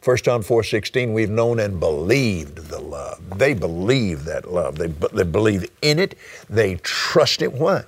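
A man preaching a sermon with fervor, repeating phrases and breaking into sudden high exclamations of praise. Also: sing-song, a little slow, breathy edge.

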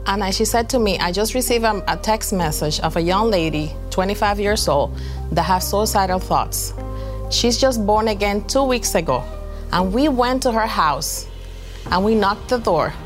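Woman pastor, mid pitch, sincere testimony. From Dominican Republic. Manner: sincere storytelling with frequent restarts. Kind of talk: personal testimony.

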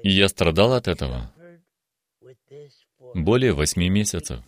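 A man's voice: low-pitched, very animated, measured pace. A man in his eighties giving an earnest, emphatic religious testimony on a television studio program. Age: 80s. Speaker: guest giving a healing testimony.

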